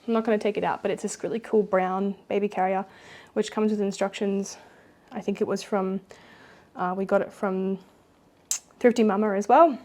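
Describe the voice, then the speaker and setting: A woman's voice: mid-range voice, steady tone, moderate pace, a little mellow. Chatty woman vlogger. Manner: chatty, rambling, many fillers. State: pregnant, with hiccups. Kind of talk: casual vlog walkthrough. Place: nursery room at home.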